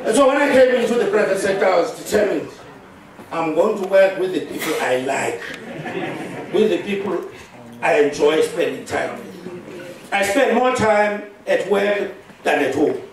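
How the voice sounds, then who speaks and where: Middle-aged man, South African accent, Xhosa speaker, eulogy, chuckling storyteller, fairly high voice, very echoey hall. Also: lively intonation, moderate pace, a crowd in the background. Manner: conversational storytelling, chuckles often, mixes Xhosa phrases into English. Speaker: eulogist, former business partner. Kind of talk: funeral eulogy, anecdotal. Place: large hall at a funeral service. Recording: very echoey live stream from far off, faint noise.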